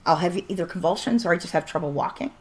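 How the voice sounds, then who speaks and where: A fairly low-pitched woman talks fast as she plays a game on stream. Her chat is casual and blunt, punctuated by frequent laughs, and she's starting to lose her voice.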